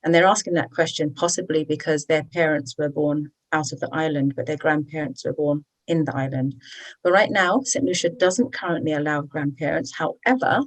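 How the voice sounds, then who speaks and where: A woman hosts a citizenship webinar in a chatty, encouraging way, often checking in with her listeners. Her voice is slightly low, and she pitches her service with warmth and conviction. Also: normal speed, rough recording. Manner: chatty and encouraging, with tag questions. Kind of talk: persuasive presentation.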